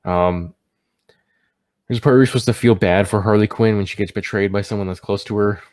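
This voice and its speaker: A man's voice: fairly low pitch, steady tone, fairly quick, a little mellow. A man giving a casual, unscripted movie review, sounding tipsy as he stumbles over words and catches himself.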